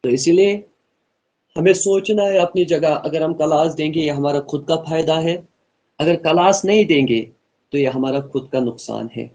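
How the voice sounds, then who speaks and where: A man's voice: a little high, a little mellow, dull audio. Earnest man teaching Quran recitation. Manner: earnest, repeats points and models slow melodic recitation. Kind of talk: online tajweed lesson, explaining and slowly reciting.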